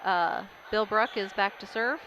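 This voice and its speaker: A woman giving casual play-by-play commentary on a volleyball game, getting louder on big plays. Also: medium pitch, a little slow. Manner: chatty, casual, rises loudly on big plays. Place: school gym during a game. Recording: loud crowd and gym noise.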